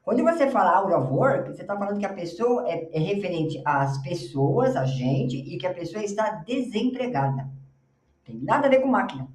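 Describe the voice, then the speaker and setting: A Brazilian woman teaching English on slides. She explains in Portuguese, models pronunciation slowly and keeps checking in with the class. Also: mid-range voice, very animated, a little mellow. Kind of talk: slide-based language lesson. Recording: roomy, slightly distant mic.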